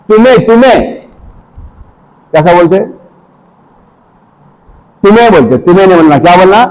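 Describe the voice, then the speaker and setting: A man teaching children Islamic manners, speaking slowly and repetitively, asking questions and repeating phrases for them. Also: sits high, poor audio. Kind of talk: slow, repetitive instructional talk.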